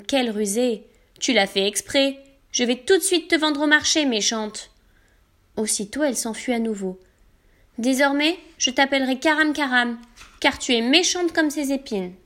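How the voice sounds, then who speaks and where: High-voiced woman telling a children's story. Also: unhurried. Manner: animated, acts out emotions as a girl. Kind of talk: expressive first-person storybook narration.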